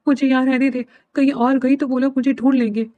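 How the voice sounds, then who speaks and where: A woman's voice: sits high, little pitch movement, dark tone, dry recording, natural voice. A woman voicing a frightened young woman who pleads through tears. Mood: tearful. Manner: tearful pleading.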